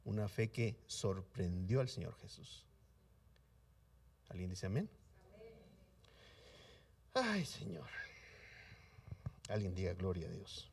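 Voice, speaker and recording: A male pastor preaching a sermon, swinging between loud emphatic lines and hushed soft ones, and asking the congregation questions that he then answers himself. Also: sits low, very animated, slow, creaky, pauses often, slightly rough, far from the mic. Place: church sanctuary.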